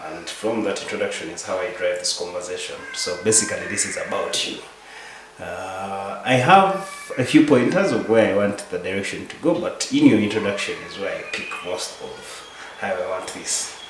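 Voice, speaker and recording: A man hosting a podcast, opening the talk in a relaxed way and asking loose questions. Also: deep voice, moderate pace, heavy reverb, recorded from a distance, background noise. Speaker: podcast host. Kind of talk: casual interview.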